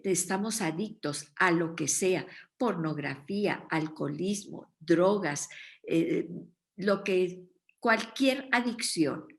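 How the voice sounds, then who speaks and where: A woman teaching a Bible study in an earnest tone, often pausing to check in with her listeners. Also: lowish voice, gravelly.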